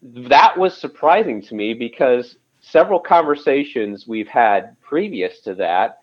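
This podcast guest speaks at medium pitch, expressive and a little slow, relating his story over the phone from home. His casual interview telling is full of restarts and "you know," and the line is muffled and low-fidelity.

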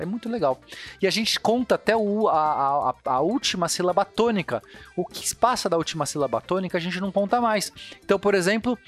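Eager, slightly high-voiced Brazilian man. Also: fairly bright tone. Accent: Brazilian Portuguese. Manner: explains eagerly, many restarts and fillers. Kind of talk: casual explanatory chat.

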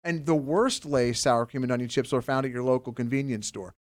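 A man from Pennsylvania co-hosting a podcast, chatting casually with emphatic, animated opinions and frequent restarts. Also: mid-range voice, fairly quick, no room sound, clean studio sound. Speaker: podcast co-host. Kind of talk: casual chat.

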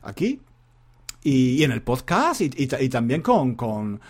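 A male language teacher talks in a relaxed, meandering way. His pitch rises and falls a lot as he speaks, and he often circles back on his own words. It feels like an informal spoken lesson. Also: measured pace. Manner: rambling, chatty, often repeating himself. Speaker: Spanish teacher and podcaster. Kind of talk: casual spoken lesson monologue.

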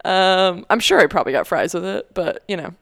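A woman's voice: on the low side, lively intonation, brisk, vocal fry, fairly bright tone, dry recording, clean studio sound. A young woman co-hosting a podcast, chatting casually with lots of fillers and easy laughter. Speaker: podcast co-host. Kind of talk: casual chat.

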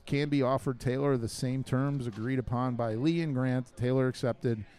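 A man's voice: mid-range voice, fairly even intonation, normal speed, warm tone, smooth. A man co-hosting a casual chat, reading facts aloud and trading cheesy pickup lines. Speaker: co-host.

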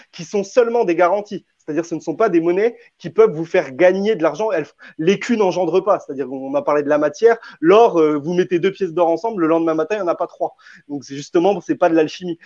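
A man's voice: sits high, fast talker, darkish tone, dry recording. A man arguing in a debate, hesitant, often restarting and repeating words. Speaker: debate panelist. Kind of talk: spontaneous debate argument. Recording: dull, dry lo-fi audio.

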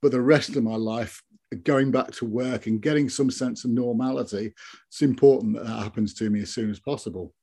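A man in his early fifties with a mid-pitched voice speaks as a guest in an interview. He gives a reflective personal account, earnest and matter-of-fact in his delivery. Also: fairly even intonation, brisk, warm tone. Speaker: interview guest, stroke survivor.

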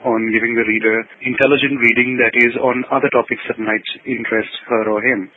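A man talks through a podcast interview in a middle-pitched voice, stopping and restarting his thoughts with many fillers. The sound is thin and narrow, as if heard over a phone line. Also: level tone, fairly quick. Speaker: journalist guest. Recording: tinny phone-like audio.

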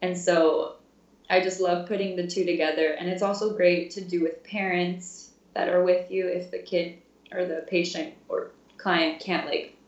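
A woman's voice: lowish voice, flat delivery, normal speed. A woman in her twenties, a music therapy intern, chatting casually in an interview with frequent fillers and laughs. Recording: roomy, distant, dull sound.

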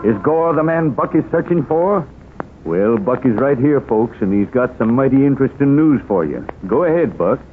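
A man's voice: medium pitch, lively intonation, normal speed, phone-quality sound. Old radio announcer guy, american, scripted delivery, crackly thin vintage recording.

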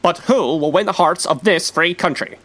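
Man, high-pitched, mock newsreel announcer, dry wry delivery. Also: normal speed, fairly bright tone. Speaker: radio show host. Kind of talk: comic mock-newsreel narration.

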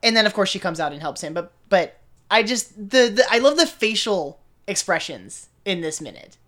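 A woman podcast host with a casual millennial way of talking, full of "like" as a filler. Her pitch sits in the middle of the female range. She sounds enthusiastic, chatting informally as a film fan. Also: lively intonation, normal speed, a bit bright. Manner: casual millennial speech, peppered with "like".

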